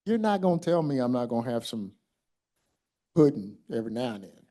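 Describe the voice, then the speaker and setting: A man from Mississippi giving an animated, conversational conference talk as a kidney doctor, acting out what he tells patients. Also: medium pitch, a little fast.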